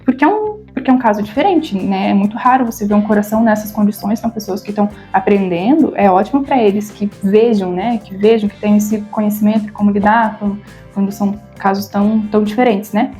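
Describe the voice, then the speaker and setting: A woman's voice: mid-range voice, steady tone, fast, warm tone, faint music behind. A woman in her thirties with a Brazilian Portuguese accent, telling her own story to camera in a vlog, emotional and stammering at times, acting out the voices of the people she quotes. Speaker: vlogger.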